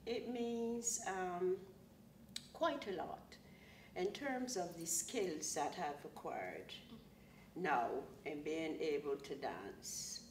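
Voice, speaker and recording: A woman in her sixties from Barbados talks about her dancing in a deep, slow voice. She stops to think and search for words. The sound is distant and roomy, with a steady hiss underneath. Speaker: quadrille dancer. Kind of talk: interview answers. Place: small studio with plain backdrop.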